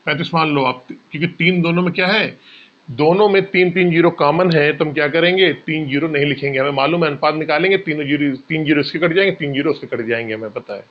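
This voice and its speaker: A man's voice: a little high, quick pace, highs cut off. A male maths teacher explaining exam problems step by step, asking questions and answering them himself. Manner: addresses students as bhaiya. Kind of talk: exam-prep maths lesson.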